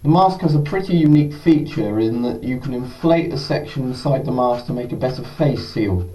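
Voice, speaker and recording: A man's voice: medium pitch, expressive, fairly quick, mellow. Man talking muffled through a gas mask. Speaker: presenter of gas mask test videos. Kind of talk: casual product test commentary. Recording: distant mic, faint background noise.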